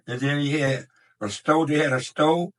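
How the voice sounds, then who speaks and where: A man in his 90s tells his grandson stories in a casual, rambling way, repeating words and restarting sentences. His fairly high voice holds a steady tone at a moderate pace.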